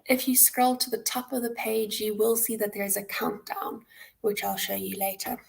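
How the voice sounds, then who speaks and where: Her voice mid-range, creaky and steady at a moderate pace, a South African hackathon host and presenter runs a live, instructional platform walkthrough. She explains informally step by step, streaming by webcam from an indoor room.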